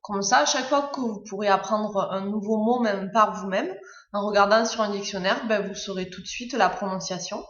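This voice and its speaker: A woman's voice: medium pitch, normal speed, fairly bright tone, reverberant. A French-speaking woman teaches a beginner English lesson, explaining each point step by step with frequent hesitations. Her voice sits in a middle register, and the recording sounds dull and lo-fi. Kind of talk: language lesson narration.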